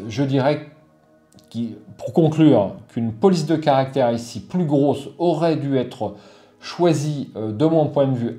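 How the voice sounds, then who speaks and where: A man's voice: mid-range voice, warm tone. A middle-aged man hosting a board game channel, giving a casual product review full of fillers and restarts. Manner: hesitant, many fillers and restarts.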